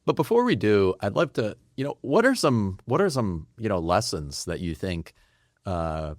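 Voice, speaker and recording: Host, male, very low voice, dry close recording, halting questioner. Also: very animated, dry recording. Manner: searching, halting questions with many fillers. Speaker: podcast host. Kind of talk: interview questions.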